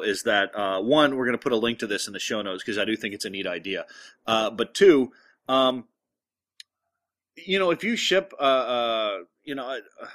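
A man hosting a casual podcast with halting delivery, sounding inside a fishbowl through a headset earpiece in a large room. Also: mid-range voice, a bit bright. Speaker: podcast host. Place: large echoey room, travelling. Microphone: portable headset earpiece.

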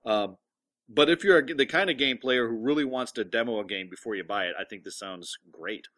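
A man hosting a casual podcast with halting delivery, sounding inside a fishbowl through a headset earpiece in a large room. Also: mid-range voice, pushed and bright. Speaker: podcast host. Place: large echoey room, travelling. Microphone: portable headset earpiece.

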